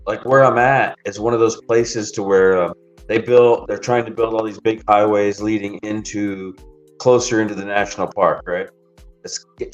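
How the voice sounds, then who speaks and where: A man streaming while driving deliveries, chatting casually and telling rambling, profane stories with frequent laughs. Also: lowish voice. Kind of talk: casual chat, storytelling. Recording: dull lo-fi stream audio with faint music.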